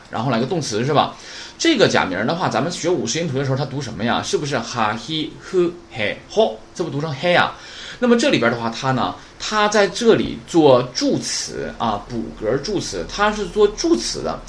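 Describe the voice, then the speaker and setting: A man's voice: medium pitch, a little hiss or hum. A man from northeast China who teaches Japanese grammar in a podcast lesson, often asking the listeners questions and then answering them himself.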